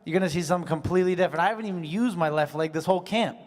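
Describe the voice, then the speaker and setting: A man's voice: sits high, racing. A man, a fighter, trading trash talk and promises with a rival. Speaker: MMA fighter.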